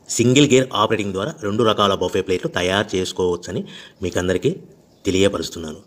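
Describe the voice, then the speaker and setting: A man with a Rayalaseema Telugu accent, demonstrating a machine he sells, in a repetitive announcing manner. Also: fairly low pitch. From Andhra Pradesh, India. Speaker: machine seller demonstrating equipment. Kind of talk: product demonstration.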